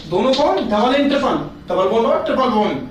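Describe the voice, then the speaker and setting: A man's voice: very high-pitched, lively intonation, fast talker. A man teaching a chemistry class, patient, repeating points and asking his students questions. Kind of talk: classroom lecture. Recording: very echoey room, distant mic, faint noise.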